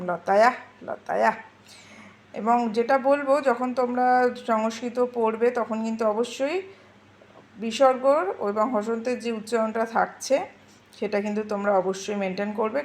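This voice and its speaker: A woman's voice: on the high side, gravelly. A woman teacher patiently explaining Sanskrit grammar to students, repeating word forms and checking they follow. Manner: patient, repeats forms slowly and asks "ঠিক আছে?".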